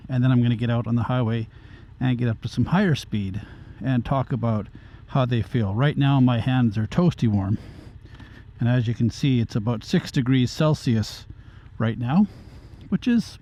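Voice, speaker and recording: A man reviewing gear in a calm, matter-of-fact way as he rides, talking through a motorcycle helmet microphone. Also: mid-range voice. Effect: talking through a motorcycle helmet microphone while riding. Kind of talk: casual review narration while riding. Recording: muffled helmet mic with faint road noise. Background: faint traffic and engine sound.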